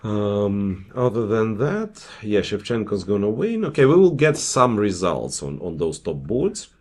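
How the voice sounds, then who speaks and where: A man giving conversational live chess commentary, thinking aloud in a halting way. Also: fairly low pitch, sing-song.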